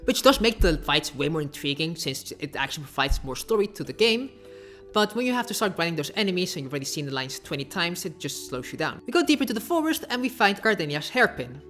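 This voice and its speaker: Fast-talking sarcastic woman essayist. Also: fairly low pitch, very animated, a bit bright, soft background music. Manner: sarcastic, offhand asides. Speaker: video essayist. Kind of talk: casual video essay narration.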